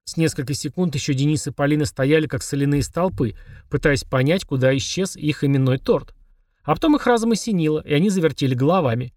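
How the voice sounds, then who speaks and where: A man narrating a children's fantasy book aloud in an expressive, wry storytelling manner. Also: on the high side, fast, no room sound, clean studio sound. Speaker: audiobook reader.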